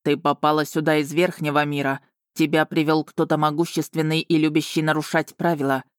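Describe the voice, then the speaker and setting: A woman voicing a gruff, self-assured male dragon guardian, speaking low and slow in a mocking way. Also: flat delivery, no room sound, studio quality, lightly acted. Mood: steady, commanding.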